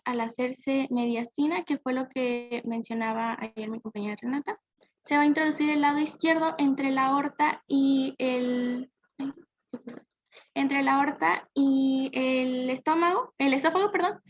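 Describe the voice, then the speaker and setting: A young woman, a student, presents to her class in a high, gravelly voice, hesitating with frequent fillers and correcting herself as she goes. The recording is dry and dull with a lo-fi edge and no room sound.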